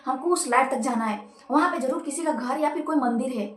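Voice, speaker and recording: A stern truck driver , voiced by a woman storyteller, barks curt orders at his helper. His commands are quick and firm. The voice rings in an echoey room. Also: high voice, a little hiss or hum, close to an everyday voice. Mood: commanding. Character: stern male truck driver, bossy and frightened.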